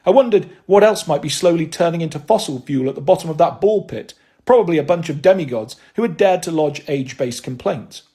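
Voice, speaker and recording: A man's voice: fairly high pitch, animated, a little fast, dark tone. A man reading a first-person novel aloud, with a wry, dry delivery. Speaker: audiobook narrator.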